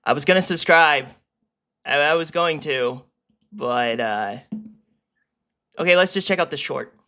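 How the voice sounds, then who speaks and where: A streamer giving casual, profane reaction commentary while ranking a video series, excitable and quick to laugh. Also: medium pitch, soft background music.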